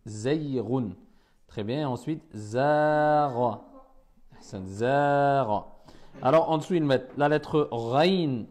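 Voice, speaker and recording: A man's voice: mid-range voice, slow pace, darkish tone. A man teaching a reading class, patiently repeating words and correcting his pupils.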